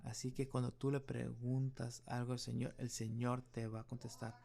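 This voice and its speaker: A man's voice: medium pitch, monotone, moderate pace, creaky, dark tone. A middle-aged male pastor preaching a sermon, telling a personal story in an earnest way.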